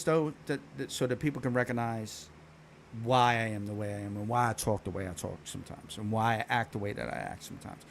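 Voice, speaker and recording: Chatting casually to his stream audience, this Philadelphia man rambles through stories with plenty of profanity, bluntness and false starts. His voice is mid-range over slight background noise.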